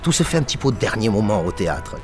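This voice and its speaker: A man in his forties who directs a theatre company talks fast, enthusiastically and emphatically in an interview from an empty theatre auditorium. His voice is on the low side and a little mellow, with big pitch swings, and faint music is heard behind it.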